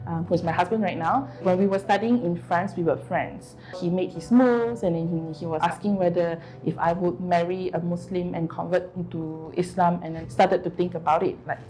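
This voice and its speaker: A woman in her thirties recounts her life candidly in an interview, thinking things through as she goes. Her voice sits a little low and sounds warm and relaxed. Faint music plays quietly behind her. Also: moderate pace, few pauses, poor audio. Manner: candid, reflective storytelling. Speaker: interview guest. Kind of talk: personal testimony interview.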